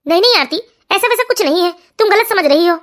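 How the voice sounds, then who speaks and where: A woman's voice: very high-pitched, animated, fast talker, a bit bright. A woman voicing a young husband who bluntly admits he loves another woman, in a cartoon story. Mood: defiant. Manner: blunt, defensive. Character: cheating husband, young man, defiant.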